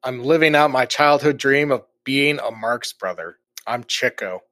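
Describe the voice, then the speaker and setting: A man's voice: mid-range voice, expressive, normal speed, sharp tone, no room sound, clean studio sound. A man co-hosting a podcast, chatting casually and laughing at himself. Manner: chatty, self-deprecating, laughs often. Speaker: podcast co-host.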